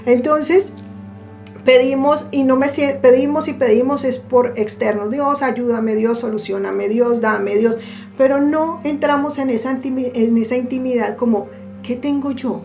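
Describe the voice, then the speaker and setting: A woman giving a reflective spiritual teaching, speaking deliberately and stretching key words for emphasis. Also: on the high side.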